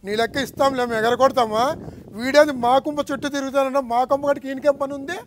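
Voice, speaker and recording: A man's voice: extremely high pitch, fairly even intonation, fast talker, a little hiss or hum. A man acting, first pleading for a loan, later brushing off the lender rudely. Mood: defiant. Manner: pleading then defiant and rude. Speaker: borrower in comedy skit. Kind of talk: acted village comedy skit.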